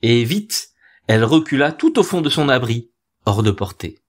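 A man narrating a folk tale in an expressive, theatrical storytelling manner. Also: medium pitch, normal speed.

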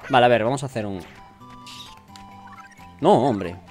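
A man's voice: mid-range voice, unhurried, darkish tone. A young man with a Spanish accent from Spain, casually commentating as he plays a video game, swearing often and reading game lines aloud in jokey voices. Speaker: let's play gamer. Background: faint game music.

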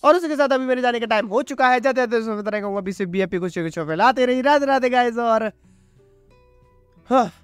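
A man giving chatty, excited commentary on his mobile racing gameplay and calling himself "your brother.". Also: extremely high pitch, fast, hardly any pauses, clear, resonant tone, dry recording, studio quality. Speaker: mobile gaming YouTuber. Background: loud game music.

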